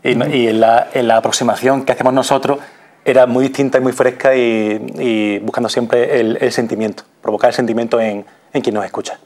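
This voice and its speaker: His voice is mid-range and steady, fairly quick, with a darkish tone. The speaker is a man in his thirties with a Spanish accent, a radio theatre performer giving a conversational interview in a small TV studio on a lapel mic.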